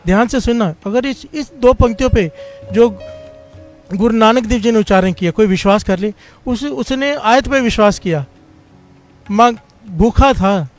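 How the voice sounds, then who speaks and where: A man with a high-pitched voice delivers a devotional Sikh sermon. He tells his story earnestly and keeps urging the congregation to call out praise. Faint devotional music plays softly behind him. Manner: earnest storytelling, quotes scripture in a slow chant. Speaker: Sikh preacher giving katha.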